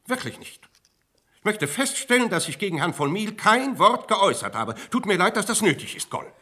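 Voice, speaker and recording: An actor playing a guarded, superior judge in a radio play, cool and clipped in his reproofs, with a husky voice. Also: high voice, sing-song, normal speed, sharp tone, full character voice. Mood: cold reproof. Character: cold, guarded male judge, evasive and superior. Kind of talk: radio drama acting.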